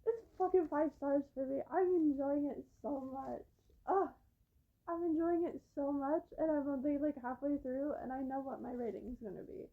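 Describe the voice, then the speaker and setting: A young woman records a casual book review vlog on her phone camera, rambling with lots of fillers about books she has read. Her voice sits high and steady at normal speed with hardly any pauses, and the audio sounds narrow and tinny.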